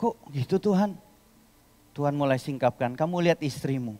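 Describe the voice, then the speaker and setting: A man pastor preaching a sermon in a church, telling a personal story, swinging from loud impassioned cries to low asides. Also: animated, moderate pace. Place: church sanctuary.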